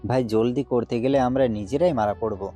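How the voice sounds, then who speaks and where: In a Bengali audio drama, a man gives voice to a demon hunter bound by duty and firm resolve, his delivery solemn and earnest. The voice is mid-range and dark in tone, moving at a moderate pace and sounding natural. Soft background music accompanies him.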